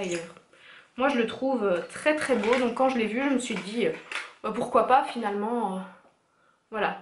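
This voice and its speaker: Chatty young woman vlogger, echoey room. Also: fairly high pitch. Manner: chatty, enthusiastic, many fillers. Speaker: beauty vlogger. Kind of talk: casual beauty haul chat.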